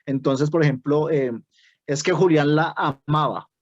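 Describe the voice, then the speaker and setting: A man's voice: on the high side, steady tone, measured pace, no echo, highs cut off. A man with a Bogotá Colombian accent teaching a writing workshop, explaining step by step and often checking in with "¿sí?". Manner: explains with many "¿sí?" checks and self-restarts. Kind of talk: online workshop lecture.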